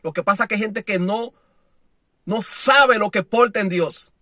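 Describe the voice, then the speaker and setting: Preacher guy, high bright voice, goes from loud to hushed, dry close sound. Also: a little slow, no echo. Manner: impassioned, shifting from loud to soft, acting out quoted voices. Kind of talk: sermon.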